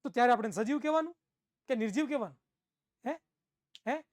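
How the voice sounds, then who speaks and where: A man's voice: very high voice, fast talker, no room sound, studio quality. A male science teacher, giving an online class in a playful way, repeating phrases and acting out students' replies.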